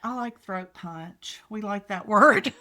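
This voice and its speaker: A woman's voice: medium pitch, sharp tone. An older woman co-hosting a podcast from a hotel room, rambling through stories with restarts. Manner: slow, rambling storyteller with restarts. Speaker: podcast co-host. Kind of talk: casual chat.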